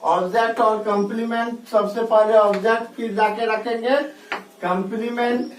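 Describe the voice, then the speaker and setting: A man teaching a grammar lesson, asking rhetorical questions and dictating example sentences slowly, word by word. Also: sits high, steady tone. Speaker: English teacher. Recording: echoey room, voice from a distance, faint noise.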